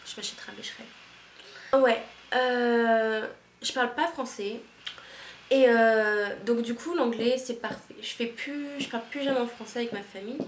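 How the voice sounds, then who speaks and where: Young woman, casual vlogger, a touch high, frank and slangy, echoey room. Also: fairly even intonation, unhurried, a little hiss or hum. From France. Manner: rambling, frank and slangy, many restarts. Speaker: au pair vlogger. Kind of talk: casual chat to camera. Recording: echoey room with faint ambience.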